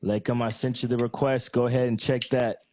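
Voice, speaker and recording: A man's voice: mid-range voice, flat delivery, fairly quick, darkish tone, slight background noise. Laid-back Texan man hosting a podcast. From Texas, United States. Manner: laid-back, friendly, lots of filler phrases. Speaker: podcast host. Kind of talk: casual interview.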